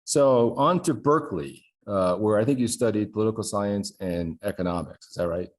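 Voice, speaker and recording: A man's voice: fairly low pitch, normal speed. A man hosting an interview, asking friendly questions with light jokes. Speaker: interview host. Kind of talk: casual interview conversation.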